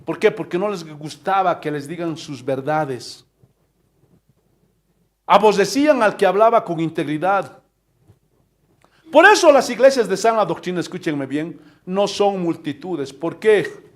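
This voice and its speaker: A man's voice: high voice, animated, unhurried, long pauses. A man, a pastor delivering an impassioned sermon full of rhetorical questions. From Bolivia.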